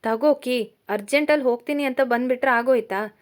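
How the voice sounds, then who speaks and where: A woman's voice: sits high, a little fast, close to an everyday voice. A woman voicing a young man, a loyal best friend who talks in a breezy, coaxing, teasing way in a storybook reading.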